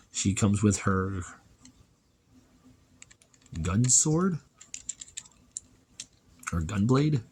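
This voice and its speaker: A man casually reviewing a toy, chatty and relaxed, thinking aloud as he handles it. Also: fairly low pitch, a little hiss or hum.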